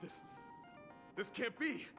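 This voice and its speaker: A man's voice: slow pace, lightly acted. A man voicing a scornful, mocking gambling opponent in a video game, dramatic in delivery. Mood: disbelieving. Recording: long reverb, music behind. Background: game music.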